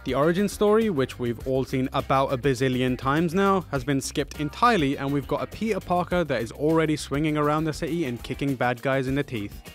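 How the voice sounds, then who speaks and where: A man's voice: mid-range voice, brisk, hardly any pauses, faint music behind. A man presenting a scripted film preview as host, upbeat with a dry sarcastic edge.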